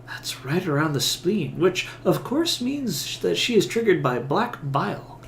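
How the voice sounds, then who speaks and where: A fussy, eager woman scholar, as a man puts her on, lifted a bit high and clipped in her clinical talk. A faint hiss of ambience runs behind. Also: big pitch swings, vocal fry, exaggerated voice. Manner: brisk, clinical. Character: eager, fussy female scholar studying souls.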